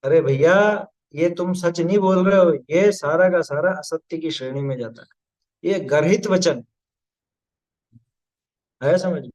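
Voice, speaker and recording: A man's voice: fairly high pitch, a little slow, long pauses, a little mellow, low-quality recording. A man teaching a scripture class, explaining patiently and checking understanding with rhetorical questions, now and then reciting Sanskrit verses. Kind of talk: scripture study discourse.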